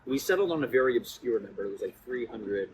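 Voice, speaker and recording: A man speaks as a guest on a casual podcast with clear noise around him. He tells anecdotes playfully and likes to tease. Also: medium pitch, expressive, quick pace. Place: seated in an ice bath at a retreat. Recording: clearly noisy ambient background.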